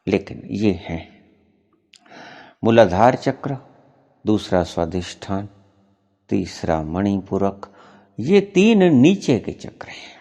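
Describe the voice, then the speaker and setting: A man giving a spiritual discourse as a teacher, explaining slowly and deliberately and repeating his key points for emphasis. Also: lowish voice, big pitch swings, warm tone. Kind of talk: spiritual discourse answering a question.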